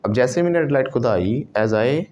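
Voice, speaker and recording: A man's voice: medium pitch, animated, moderate pace, highs cut off, a crowd in the background. A man teaching spoken English in a classroom, drilling phrases and asking students to repeat them. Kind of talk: spoken English lesson in Hindi.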